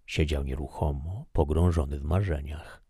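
Deep-voiced man reading an audiobook. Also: fairly even intonation, normal speed, warm tone, breathy edge, dry recording, studio quality. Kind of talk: audiobook narration.

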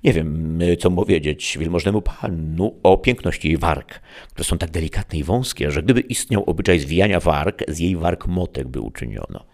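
A man's voice: sits low, animated, moderate pace, a little mellow. A man voicing a simple, long-winded village peasant who speaks meekly and deferentially. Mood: earnest. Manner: meek, rambling, deferential.

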